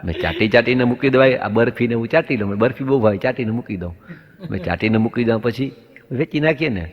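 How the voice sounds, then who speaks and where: Comedian in a reverberant hall. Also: male voice, medium pitch, fast talker. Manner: acts out both sides of dialogues in anecdotes, punchline delivery. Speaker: stand-up comedian. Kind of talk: stand-up comic storytelling. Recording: dull lo-fi sound with long hall reverb.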